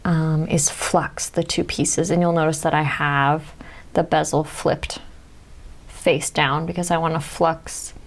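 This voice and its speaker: Low, gravelly Midwestern woman teaching. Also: level tone, slow pace. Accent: Midwestern American. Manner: friendly, explanatory, drops to near-whisper while concentrating. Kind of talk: step-by-step craft demonstration.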